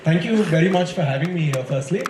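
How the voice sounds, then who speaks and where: A man's voice: a little high, lively intonation, quick pace. A man with an Indian accent, judging a debate and giving students encouraging, conversational feedback in an impromptu speech. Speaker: debate judge. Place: indoor school event space with audience. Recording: echoey hall, faint crowd and noise.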